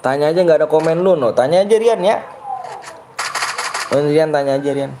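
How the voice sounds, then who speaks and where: A man's voice: fairly high pitch, fairly quick, noisy background. A young man, hosting a live game stream in casual chat. He argues with viewers and teases them, often breaking into laughter. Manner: argumentative and teasing, often laughing.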